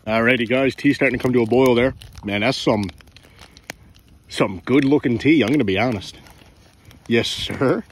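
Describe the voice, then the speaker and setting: This is casual fishing-vlog chatter from a young man with a Newfoundland accent, filmed outdoors beside a snowy river on a close-held phone or action camera. He speaks enthusiastically at medium pitch and moderate pace, pausing often, over a little hiss or hum.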